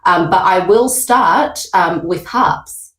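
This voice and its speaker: A woman with an Australian accent hosting a casual online panel talk, relaxed and full of little hesitations. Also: fairly low pitch, slow, reverberant, rough recording. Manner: relaxed, hesitant with many fillers. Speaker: panel host.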